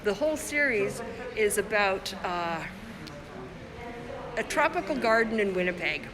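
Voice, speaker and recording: A woman from the Congo, an artist, chats her way through a casual livestream tour of her own show. She talks into a handheld phone as she walks around an indoor gallery, with a clear murmur of opening-night crowd behind her. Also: medium pitch, animated, unhurried, low-quality recording. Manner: chatty, showing work while walking around. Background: gallery crowd chatter.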